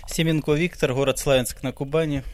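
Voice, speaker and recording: A man in his late twenties, a church presbyter, giving a brisk factual self-introduction. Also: a little high, fairly even intonation, dry recording. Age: 20s.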